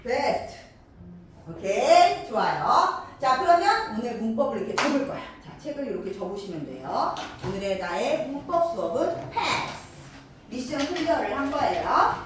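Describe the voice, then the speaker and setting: A woman teaching a middle school grammar lesson, lively and coaxing, checking in with her students again and again. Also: on the high side, moderate pace, background noise. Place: classroom. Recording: echoey classroom, mic far off.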